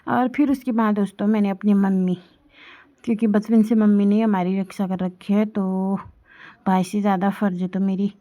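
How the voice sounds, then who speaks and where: A woman's voice: mid-range voice, steady tone, moderate pace, lo-fi sound. A young woman from the Indian hills chatting casually to her viewers as she walks them through a family day. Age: young adult. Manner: chatty, showing and explaining to viewers. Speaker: vlogger. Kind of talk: casual family vlog narration.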